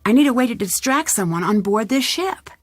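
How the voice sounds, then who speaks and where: A curious, direct young detective questioning people in a mystery game. Her voice sits a little high and moves lively up and down. It is recorded dry and close. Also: dry recording, faint music behind. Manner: brisk, questioning.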